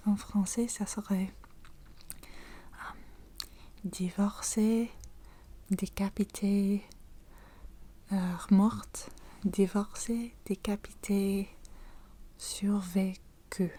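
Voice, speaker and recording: Soft-spoken ASMR woman, French, mellow and unhurried, close intimate whisper. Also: mid-range voice, steady tone. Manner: slow, halting whisper with frequent pauses and restarts. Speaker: ASMR creator. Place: indoors at home.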